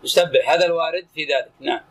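Teaching as a sheikh, a man comments on texts and quizzes a student, terse and brisk, asking and answering in short clipped phrases. His voice is a little high, fairly bright and husky, and the audio is poor.

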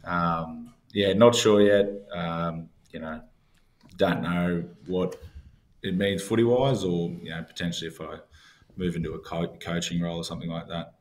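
A man's voice: deep voice, normal speed. An Australian man being interviewed casually, speaking in a hesitant, understated way over faint background noise. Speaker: rugby club captain, guest.

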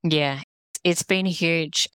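Low-voiced Australian woman, earnest. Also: fairly even intonation, drawn-out words, fairly bright tone, smooth, no room sound. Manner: earnest, rambling with frequent restarts. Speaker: guest, executive coach. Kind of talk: casual interview conversation.

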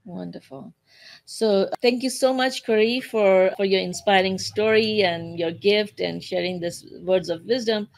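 A woman's voice: mid-range voice, unhurried, gravelly. Woman hosting a weekly online talk. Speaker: host.

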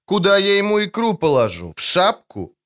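A man's voice: high-pitched, huge pitch swings, normal speed, fairly bright tone, pitched above the performer's own voice, heavily acted. A man reading an audiobook, voicing a vain, indignant young female siren in a sing-song, whining voice. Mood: demanding. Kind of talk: audiobook character voice.

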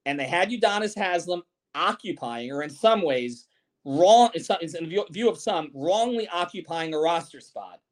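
A man's voice: a little high, lively intonation, moderate pace. A man in his forties hosting a sports podcast. He reads viewer comments and speaks bluntly and emphatically, with some swearing. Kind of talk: live-streamed sports podcast chat.

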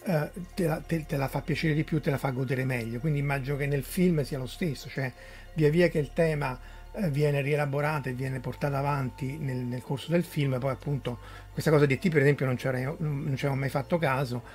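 A man's voice: medium pitch, steady tone, a little fast, darkish tone, soft background music. A man hosting a casual chat, asking curious questions with frequent hesitations and restarts.

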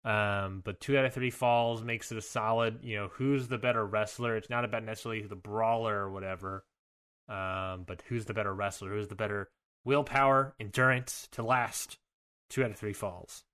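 A man's voice: lowish voice, steady tone, normal speed, fairly bright tone, smooth. A man co-hosting a podcast, chatting enthusiastically and riffing playfully. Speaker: podcast co-host. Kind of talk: casual chat.

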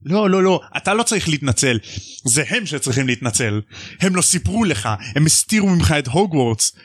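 A man's voice: on the high side, big pitch swings, husky, dry recording, studio quality. A man doing Hagrid, emphatic and protective. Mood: indignant. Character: huge gruff male half-giant gamekeeper, protective.

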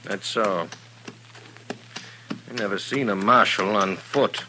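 An actor playing a weary, lonesome Old West drifter, with folksy American speech in an old-time radio western. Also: male voice, fairly low pitch, takes it slowly, bright, forceful tone, full character voice. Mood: curious, guarded. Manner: folksy rustic speech, wistful and inquisitive. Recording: noisy old radio recording with clicks.

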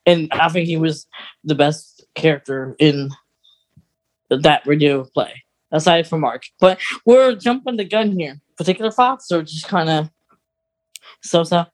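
On a rough-sounding recording, a podcast co-host with a medium-pitched voice speaks at a measured pace. The chat is casual, emphatic and opinionated, centered on films and radio dramas.

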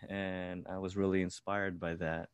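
Born in the Philippines and raised in California, a male musician and songwriter answers interview questions loosely, with frequent fillers and restarts. He speaks low and clearly, with little pitch movement, a resonant tone, and a moderate pace. There's no echo, though the audio is dull.

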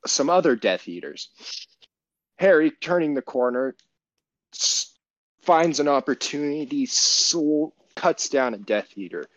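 A man's voice: a little high, animated, a little slow, a bit bright, dry recording. A man co-hosting a casual podcast, retelling a story in a profane, rambling way with many restarts. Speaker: podcast co-host.

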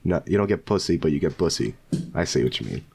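A man's voice: rumbling low, expressive, fast talker, gravelly, darkish tone, husky. A young man chatting casually as a podcast co-host, with crude, teasing, swear-heavy frat-bro slang. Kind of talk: casual chat.

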